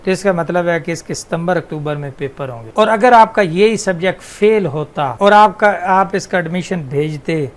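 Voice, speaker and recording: A man talks through a casual screen tutorial. His voice sits fairly high, and he explains each step plainly and then repeats the main points so they stick. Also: moderate pace, few pauses. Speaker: channel host explaining university exams.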